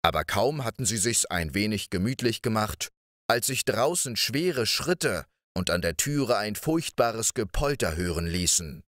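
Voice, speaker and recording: A man narrating a fairy tale slowly and gently, as if for sleep, with a lively, rising and falling delivery. The recording is close and dry, with no room sound. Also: lowish voice, no echo. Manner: slow and expressive, voicing each character. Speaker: audiobook narrator.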